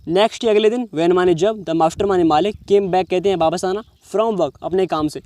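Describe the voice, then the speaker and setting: Reading English words slowly, a high-pitched man explains each one in Hindi during a reading lesson. He keeps asking "समझ रहे हो" to confirm the listener is following, and the recording has no echo.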